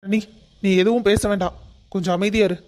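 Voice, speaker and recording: A man's voice: high-pitched, steady tone, fairly quick, a little mellow, lightly acted. A man playing a firm, protective cartoon father. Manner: firm, commanding.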